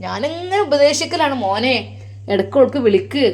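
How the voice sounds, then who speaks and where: A woman's voice: high-pitched, lively intonation, normal speed, a little mellow, pitched above the performer's own voice. A woman voicing an anxious, complaining middle-aged mother, speaking with a Malappuram Malayalam accent. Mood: fretful. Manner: complaining, fretful.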